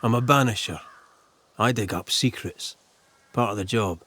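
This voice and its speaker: A man acting a calm, businesslike ghost hunter in a video game, dry and formal, with a husky voice. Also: fairly low pitch, moderate pace, no room sound. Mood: wry, investigative.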